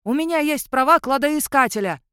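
A woman's voice: expressive, a little fast, no echo, clean studio sound, natural voice. A woman voicing a scheming male werewolf treasure hunter who whines and protests indignantly, as in an audiobook. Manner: shrill, indignant and whining. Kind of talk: audiobook narration.

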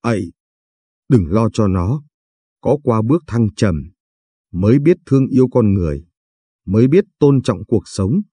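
A man voicing a gentle older mother in an audio story, speaking in a soft, soothing way with a dark, husky voice. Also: lowish voice, expressive, a little slow, pauses often, no echo, studio quality. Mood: reassuring.

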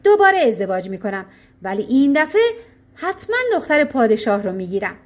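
A woman doing a greedy, boastful father. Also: fairly high pitch. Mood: greedy glee. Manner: eager, grasping, excitable.

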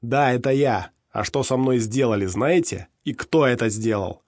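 A man voicing a furious scarred male mercenary, shouting defiantly at a crowd in an audiobook. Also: medium pitch, brisk, no room sound, studio quality, lightly acted.

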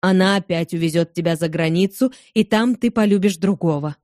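A woman reading the lines of a shy, poor young man in love, speaking slowly and hesitantly, a little lower than her own voice. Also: darkish tone, no echo, clean studio sound, lightly acted. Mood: worried. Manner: timid, hesitant, slow.

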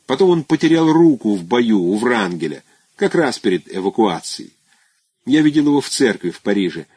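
Audiobook role: man doing a gushing, chatty schoolmate, husky voice, dry close sound, lively exclaiming lilt. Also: medium pitch, moderate pace, no echo. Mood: effusive. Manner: effusive, exclaiming, rambling memories. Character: chatty nostalgic former classmate, adult man. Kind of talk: audiobook character voice.

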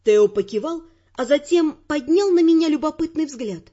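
A woman narrating a first-person audiobook in a smooth, steady storytelling voice. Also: high-pitched, moderate pace, highs cut off.

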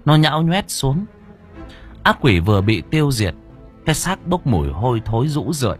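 A man narrating a horror story in a dramatic, expressive way. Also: medium pitch, moderate pace, soft background music. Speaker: audiobook narrator.

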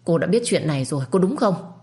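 A woman's voice: on the low side, lively intonation, quick pace, darkish tone, close to an everyday voice. A woman voicing a bitter young husband who speaks coldly and harshly. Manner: cold, harsh.

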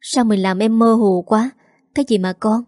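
A woman's voice: a little high, fairly even intonation, moderate pace, mellow, no room sound, studio quality, lightly acted. A woman voicing a young wife in an audio story, frail and wronged, speaking in a choked, pleading way. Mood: bewildered.

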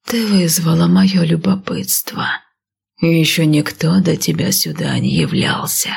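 Old snake chief done by a woman, hissy whispery, slow and gravelly. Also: sits low, big pitch swings, darkish tone, full character voice. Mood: hissing, stern. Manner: hissing whisper. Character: old male snake chief, hissing and stern.

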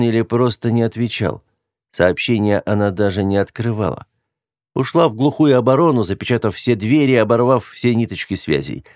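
Brief: male audiobook narrator, earnest confessional first person, low voice, dry studio sound. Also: darkish tone, no echo.

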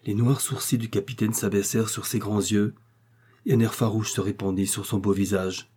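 Male audiobook narrator, low, mellow, husky, steady storytelling. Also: moderate pace. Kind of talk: scripted narration.

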